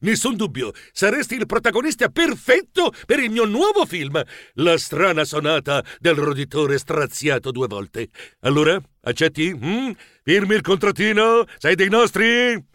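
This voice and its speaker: A man's voice: high voice, lively intonation, a little slow, fairly bright tone, dry recording, clean studio sound. A man voicing a theatrical male film-director mouse who talks in a gushing, dramatic way in a children's storybook.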